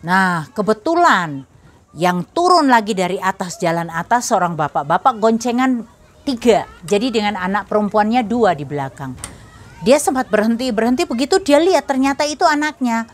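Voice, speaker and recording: A woman's voice: medium pitch, sing-song, normal speed. A middle-aged woman giving a personal faith testimony, telling her story earnestly and speaking straight to the listeners. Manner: earnest storytelling, addressing listeners as brothers and sisters.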